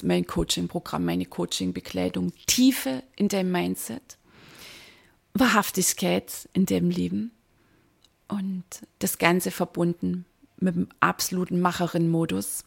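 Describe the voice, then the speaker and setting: Husky, creaky woman giving an emphatic motivational talk. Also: medium pitch, a little mellow. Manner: emphatic, exhorting, with stressed words and repeated slogans. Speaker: business mindset coach, podcast host. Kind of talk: motivational podcast monologue, direct address to listener.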